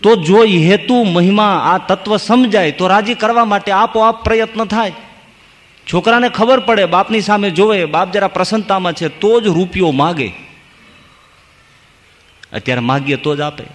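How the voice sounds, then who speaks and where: Monk preaching in reverberant hall. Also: male voice, high-pitched, moderate pace. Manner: storytelling with folk verses and acted asides. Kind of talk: devotional sermon.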